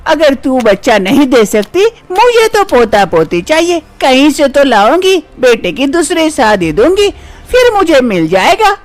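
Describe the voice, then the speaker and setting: A woman's voice: high-pitched, very animated, a little slow, voice pushed up. A woman voicing a domineering older mother-in-law in a cartoon story, who scolds, taunts and makes threats. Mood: scolding. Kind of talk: storybook voice acting.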